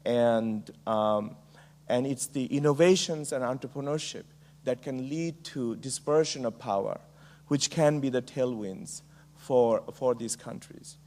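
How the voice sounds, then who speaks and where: A middle-aged Bangladeshi man with a Bangladeshi accent delivers a conference keynote at a measured pace, dropping frequent ums and uhs. His voice is medium in pitch with a darkish tone.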